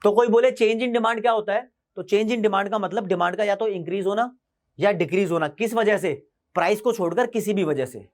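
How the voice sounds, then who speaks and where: High-voiced man teaching economics. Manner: addresses students as friends, repeats key terms slowly; mixes Hindi with English terms. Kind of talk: online class lecture.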